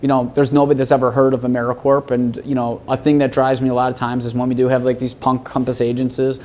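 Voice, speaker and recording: Man, real estate guest, rapid-fire and blunt, swears freely, animated storyteller, mid-pitched. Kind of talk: casual podcast interview.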